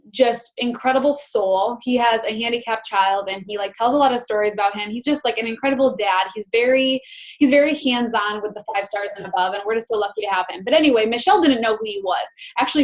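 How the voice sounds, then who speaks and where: A woman with a somewhat high voice hosts a team call. She tells a story in a chatty, lively way and fills her talk with "like." Her delivery is casual and animated. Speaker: team coach hosting a team call.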